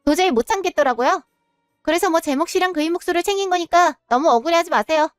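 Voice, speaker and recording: A woman's voice: very high-pitched, lively intonation, fast, no echo, clean studio sound. A woman voicing a defiant daughter-in-law who speaks with cool, cutting politeness. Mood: coldly defiant. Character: cold, defiant daughter-in-law taking revenge.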